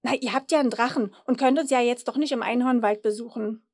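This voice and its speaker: Storybook young man, helpful, brisk, friendly; read by a woman. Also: fairly high pitch, darkish tone, dry recording, studio quality.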